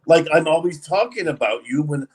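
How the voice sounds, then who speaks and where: A man on an online voice chat panel, defending himself in halting sentences. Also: fairly high pitch, animated, breathy edge. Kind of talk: casual panel talk.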